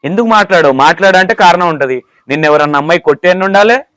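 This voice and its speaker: A man's voice: high-pitched, animated, quick pace, fairly bright tone, no room sound. A man with a Telangana accent conducting a casual interview, asking teasing, playful questions. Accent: Telangana Telugu.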